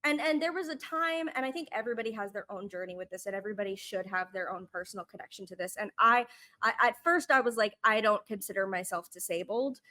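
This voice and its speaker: A woman speaking candidly as a podcast guest, rambling and earnest, with frequent restarts and sudden jumps in pitch and loudness. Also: expressive, quick pace.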